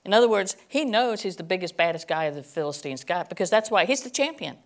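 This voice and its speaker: A woman's voice: on the low side, lively intonation, fairly quick. A middle-aged woman teaching a Bible lesson in a chatty sermon style, reading verses and adding joking, self-deprecating asides.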